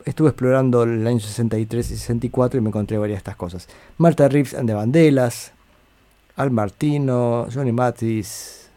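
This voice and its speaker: A man hosting a casual radio show, thinking aloud and correcting himself as he rambles through listener greetings and song lists. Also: darkish tone. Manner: reads listener greetings and lists songs in a low aside. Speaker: radio host.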